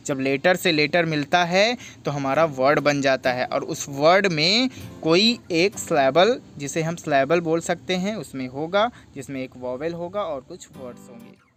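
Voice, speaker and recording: A man teaching a grammar lesson. He reads English definitions slowly, explains them in Hindi, and asks questions he then answers himself. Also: a little high, fairly bright tone.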